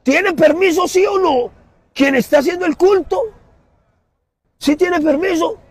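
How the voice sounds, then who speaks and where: A middle-aged man with a Colombian Spanish accent preaching emphatically in an outdoor city plaza, swinging from loud to soft. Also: very high voice, a little slow, no echo. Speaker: street preacher. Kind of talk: impassioned street sermon.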